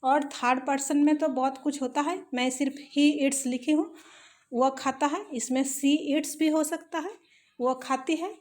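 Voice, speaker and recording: Slow, high-voiced woman teaching grammar. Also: steady tone. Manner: patient, spells out examples slowly word by word. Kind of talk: slow explanatory lesson.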